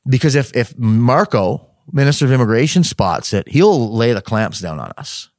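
A man's voice: medium pitch, expressive, normal speed, a little mellow, no room sound, studio quality. A middle-aged man telling a personal story in casual conversation. He acts out the dialogue and laughs mid-sentence.

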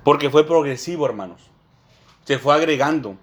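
Male preacher, sermon, slightly high voice, emphatic pauses, repeated appeals to the brethren. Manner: addresses listeners as brothers, slow emphatic Bible reading.

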